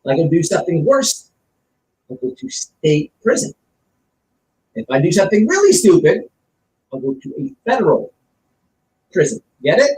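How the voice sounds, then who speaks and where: With a high, sing-song, slightly mellow voice at normal speed and frequent pauses, a male streamer gives casual, blunt, opinionated commentary. Emphatic, he repeats phrases and explains using examples. The mic is distant, the room echoey, and there's faint noise.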